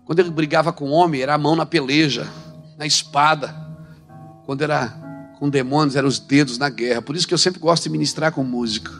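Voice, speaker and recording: A man preaching a sermon into a handheld microphone in a church service, swinging from soft to shouting. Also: a little high, quick pace, faint music behind.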